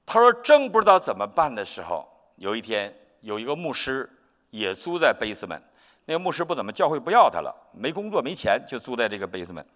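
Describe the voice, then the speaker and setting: A male pastor preaching a sermon, telling a story with lively animation. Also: medium pitch, fairly quick. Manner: animated storytelling, acts out quotes. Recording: long reverb hall.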